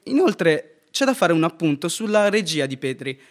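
A man's voice: on the high side, big pitch swings, moderate pace. A man co-hosting a casual film review chat, talking earnestly and often ending points with a questioning "right?".

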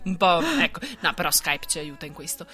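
A woman hosting a comic radio show, excitable and laughing often, shrieking when something amuses her. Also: low voice, brisk.

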